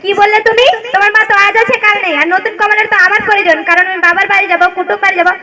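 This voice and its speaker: A woman's voice: very high voice, flat delivery, very fast. A woman playing a cruel young daughter-in-law who scolds harshly and gives orders. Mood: bossy. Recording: loud crowd noise behind.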